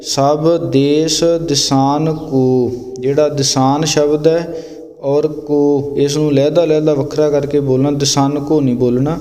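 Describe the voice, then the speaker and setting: Brief: male recitation teacher, mellow dark tone, slightly higher pitch, long reverb on the recording. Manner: slow, deliberate demonstration of each word. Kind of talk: pronunciation lesson.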